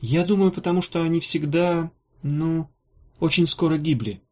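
A man reading an audiobook voices a fussy, practical female valkyrie healer with a brisk, blunt manner. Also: fairly high pitch, darkish tone, voice pushed up, lightly acted. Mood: matter-of-fact. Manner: brisk, blunt, a little embarrassed.

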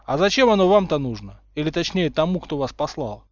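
A man's voice: a little high, very animated, a little fast, dry recording, muffled recording. A man voicing a cheeky, flippant teenage boy wizard who mocks his enemies. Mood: cocky, mocking. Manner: sarcastic, flippant.

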